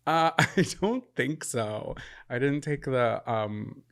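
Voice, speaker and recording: A young man with a gravelly, fry-laden voice co-hosts a podcast and trades wry, joking banter. He speaks close into a boom-arm mic in a small studio room. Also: animated, slow, a bit bright. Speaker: podcast co-host. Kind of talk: casual chat. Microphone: boom-arm microphone close up.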